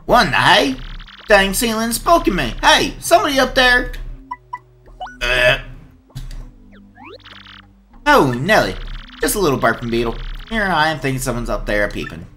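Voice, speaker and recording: A folksy, boisterous fight promoter hollers in a thick Southern drawl, as a man puts him on. The voice sits high and bounces all over. He sounds like a scheming video-game boss. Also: wildly swooping pitch, normal speed, pauses often, bright, forceful tone, soft background music, full character voice. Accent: put-on Southern US drawl. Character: loud folksy male fight promoter, middle-aged.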